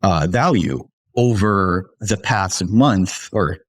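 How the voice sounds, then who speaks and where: A man's voice: low-pitched, animated, takes it slowly, no echo, studio quality. A man hosting his own year-in-review show, talking casually with opinionated takes, wry asides and plenty of fillers. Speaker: show host. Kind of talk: solo year-in-review commentary.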